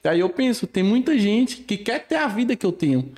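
Mellow-voiced man in easygoing chat. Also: high-pitched, normal speed. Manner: relaxed, repetitive, with many fillers. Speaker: podcast co-host. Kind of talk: casual podcast chat.

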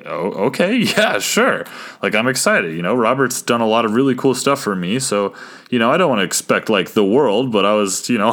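A young man hosting his own small podcast, talking casually and excitedly, rambling with restarts and asides to listeners. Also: low voice. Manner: rambling and excitable, many restarts and "you guys". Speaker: podcast host. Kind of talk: casual solo podcast talk.

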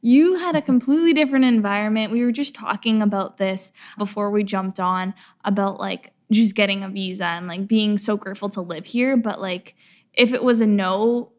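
A woman's voice: mid-range voice, normal speed. A young woman from a small town in Canada hosts a podcast, sounding enthusiastic and chatty and often saying "like". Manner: enthusiastic, chatty, says "like" a lot. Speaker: podcast host. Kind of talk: podcast interview.

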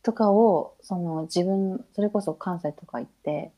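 Woman, guest, casual chat, polite and hesitant, mellow tone, husky voice. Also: lowish voice, measured pace, low-quality recording. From Kyushu, outside Hakata. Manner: polite, hesitant, many fillers.

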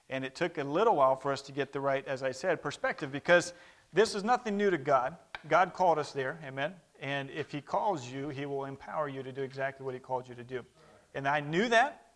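Speaking in a slightly high, fairly bright voice, this man in his thirties delivers a conversational missionary report to his church and prompts amens. He was raised in Brazil with Portuguese as his first language.

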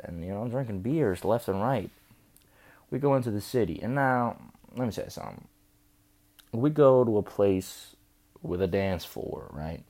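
A man's voice: fairly low pitch, warm tone. A young man telling a rambling, profane story while drunk and slurring his words. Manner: loose, profane, chatty. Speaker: vlogger.

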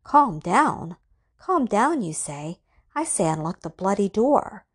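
A woman voicing a lonely, nervous man who grows frightened and tense, speaking in a slightly husky voice. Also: medium pitch, sing-song, slow pace, exaggerated voice. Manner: tense, rising to frightened shouting.

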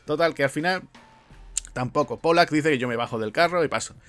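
Guy hosting a film podcast, rambly storyteller, soft music behind. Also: a little high, a little fast. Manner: chatty storyteller, frequent fillers and asides. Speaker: podcast host. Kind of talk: casual film podcast chat.

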